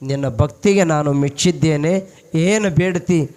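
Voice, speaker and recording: A man voicing a calm, fatherly deity who blesses his devotee in a low, soothing way. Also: unhurried, natural voice. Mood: gentle blessing. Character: god Mallayya, calm, blessing elder deity.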